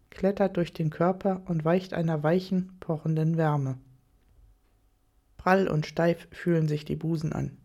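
A woman narrating an erotic audio story in the first person, reading slowly and softly. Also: low voice.

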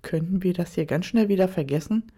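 A woman's voice: fairly low pitch, brisk, warm tone, breathy edge. A woman voicing a shy young man who gets flustered and embarrassed easily, speaking hesitantly in a read-aloud story.

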